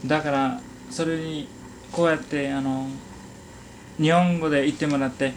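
A man conducting an oral history interview, asking polite, halting questions and giving frequent small acknowledgements. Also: a little high, fairly even intonation, background noise. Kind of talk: gentle question-and-answer interview.

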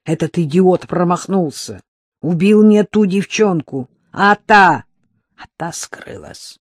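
A man's voice: on the high side, measured pace, darkish tone, dry recording, studio quality. A man reading the part of a nervous, resentful young henchman who answers curtly. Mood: angry tense. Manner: curt, resentful. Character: nervous young male henchman, angry and cornered.

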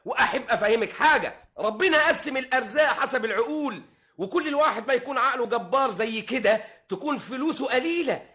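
An actor playing a boastful, penniless husband in an Egyptian radio comedy, with an Egyptian accent and a self-important, joking manner. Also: male voice, very high voice, expressive, quick pace, pushed and bright, heavily acted. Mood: self-justifying. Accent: Egyptian Arabic. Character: boastful penniless husband, comic male schemer.

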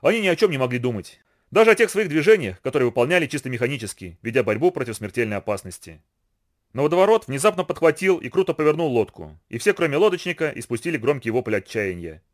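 Animated, fast-reading male narrator. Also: mid-range voice. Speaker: audiobook narrator. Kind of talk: scripted narration.

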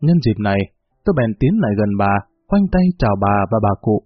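A man narrating a family story in a steady, expressive reading. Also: fairly low pitch, fairly quick, dry recording. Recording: tinny phone-like, faint music.

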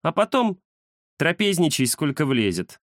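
Storybook she-cat, high, brisk and commanding, played by a male reader. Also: big pitch swings, no echo, studio quality. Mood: bossy. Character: bold bossy female cat.

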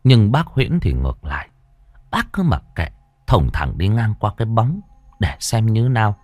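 A man's voice: lowish voice, sing-song, normal speed, a little mellow, no room sound. A man narrating a ghost story in a dramatic storytelling manner. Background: faint music.

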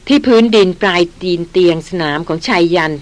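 A woman reading an adventure novel aloud as an audiobook, in a measured storytelling manner. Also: on the low side, animated. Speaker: audiobook narrator. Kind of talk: audiobook narration.

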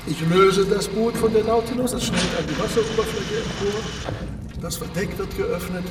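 Male actor for proud captain-engineer of a submarine, radio play. Formal, expository, secretive; echoey sound with clear background noise. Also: high-pitched, normal speed, lightly acted. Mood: assured, courteous. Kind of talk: German radio drama acting.

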